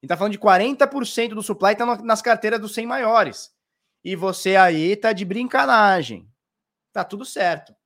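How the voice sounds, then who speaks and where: A man's voice: sits high, moderate pace, fairly bright tone. A man from Santos, giving casual crypto market commentary, teasing the viewer and pointing things out with "ó". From Santos, Brazil. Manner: teasing, mocking the viewer, constant "ó".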